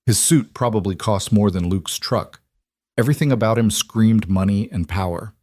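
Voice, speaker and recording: Guy narrating a drama story, lowish voice, dry close mic, steady. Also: normal speed, dry recording.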